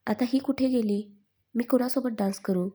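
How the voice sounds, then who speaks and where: A woman's voice: a little high, moderate pace, warm tone, lightly acted. A woman voicing a playful young man who teases and jokes in a family storybook reading. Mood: teasing. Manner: cheeky, joking.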